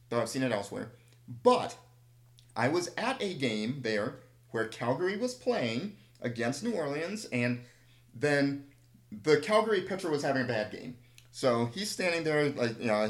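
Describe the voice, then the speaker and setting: A man casually telling rambling, humorous anecdotes with a self-deprecating touch. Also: medium pitch. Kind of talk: casual chat, storytelling. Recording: echoey room.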